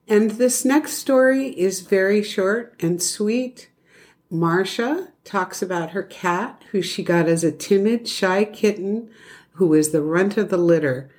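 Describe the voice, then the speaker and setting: A woman's voice: fairly low pitch, a little mellow. A woman host giving friendly introductions to listener stories.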